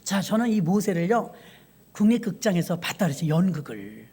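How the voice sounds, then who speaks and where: A woman's voice: on the low side, fairly quick, breathy edge. A woman pastor preaching a sermon, telling stories and speaking directly to the congregation. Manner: lively storytelling, addresses congregation directly.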